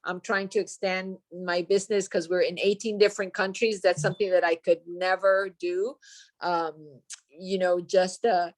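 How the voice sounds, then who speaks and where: A woman's voice: on the low side, flat delivery, moderate pace. Earnest woman dog trainer's testimonial. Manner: earnest, with fillers. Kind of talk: testimonial on a video call. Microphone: video call.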